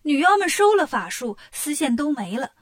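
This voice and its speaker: A woman narrating a children's story in a lively, expressive way. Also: sits high, moderate pace, no echo, studio quality.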